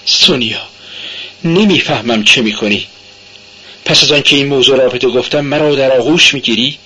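A man's voice: medium pitch, pushed and bright, a little hiss or hum, pitched above the performer's own voice, lightly acted, low-quality recording. A man voicing an anguished, guilt-ridden young man who pleads in a strained voice. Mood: bewildered.

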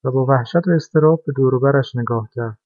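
A man narrating a children's storybook in a calm, expressive reading voice. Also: mid-range voice, no room sound. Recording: dry, dull lo-fi recording.

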